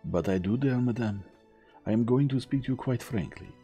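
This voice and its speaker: A man's voice: medium pitch, dark tone, faint music behind, voice pushed up, lightly acted. Poirot, a man doing a shrewd Belgian sleuth. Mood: probing. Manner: measured, courteous, relentlessly probing. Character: shrewd elderly male Belgian detective, polite but probing.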